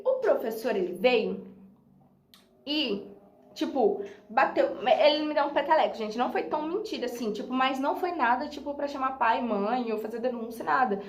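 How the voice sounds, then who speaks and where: A young Brazilian woman with a Brazilian Portuguese accent, telling a story to her viewers in a chatty, dramatic way and laughing often. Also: high voice. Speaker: YouTuber. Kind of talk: casual storytelling vlog. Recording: roomy echo.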